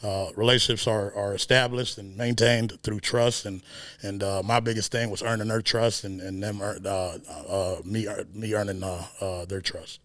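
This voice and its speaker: A low-pitched man speaks in an even, steady tone at a media day interview. He is a high school football coach, earnest and measured, pausing often on fillers. The sound is dry and close. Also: no echo. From South Sudan.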